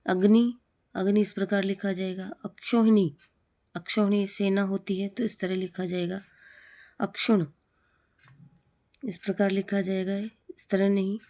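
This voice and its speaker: Woman teacher going word by word, really slow, says each one twice. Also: medium pitch, flat delivery, warm tone. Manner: slow, repetitive drilling of correct forms. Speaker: Hindi teacher. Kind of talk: spelling lesson for exam prep.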